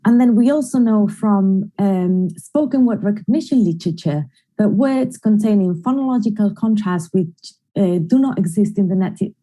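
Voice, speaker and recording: A woman's voice: medium pitch, dark tone, rough recording. A woman giving an online academic conference presentation, explaining her research methodically through a computer mic. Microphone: computer mic in an online screen-share presentation.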